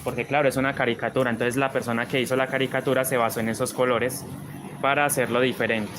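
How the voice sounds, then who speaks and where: A man's voice: medium pitch, level tone, quick pace. Man, Colombian paisa accent, crochet live stream, chatty, background traffic noise. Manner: chatty, reads viewer comments aloud. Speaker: crochet teacher.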